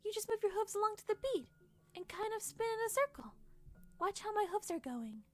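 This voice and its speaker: A woman plays a gentle young cartoon pony princess with a very high voice. The character is kind, earnest and shy, with faint music underneath. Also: big pitch swings, fairly quick. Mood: encouraging. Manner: soft-hearted, hesitant and earnest.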